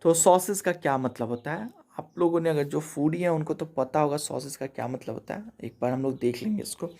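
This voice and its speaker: A man's voice: fairly high pitch, vocal fry, a little mellow. A man from India giving a casual, chatty vocabulary lesson over slides, explaining each word and checking in with "theek hai" after every point. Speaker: English teacher.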